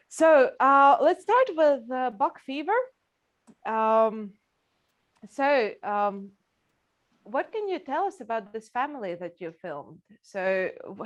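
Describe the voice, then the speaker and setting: Higher-voiced woman moderating, halting delivery. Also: dull audio. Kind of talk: informal hosting of a film panel.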